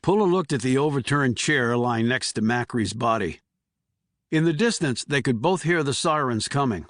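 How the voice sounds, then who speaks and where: A man's voice: mid-range voice, animated, normal speed, a bit bright, dry recording, studio quality. Man narrating a thriller audiobook. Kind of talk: scripted narration.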